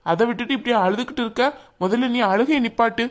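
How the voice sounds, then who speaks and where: A woman's voice: on the high side, fast. A woman acting in a family drama, speaking in a coaxing, questioning way. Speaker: concerned mother-in-law figure in a family drama. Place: indoors at home.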